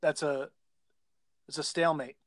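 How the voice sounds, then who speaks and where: High-voiced man in stubborn banter. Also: steady tone, normal speed. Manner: playfully stubborn, teasing. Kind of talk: casual banter.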